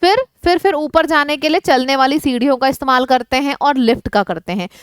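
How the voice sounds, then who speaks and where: High-voiced Indian woman teaching vocabulary. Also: a little fast, no room sound, studio quality. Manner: lively, asks the class questions and repeats synonyms in lists; switches between Hindi and English. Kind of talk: online class explaining English words in Hindi.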